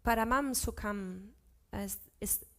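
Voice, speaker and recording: A woman teaching a class on Sanskrit scripture, chanting verses slowly and correcting herself aloud as she goes. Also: medium pitch, fairly bright tone. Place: ashram class.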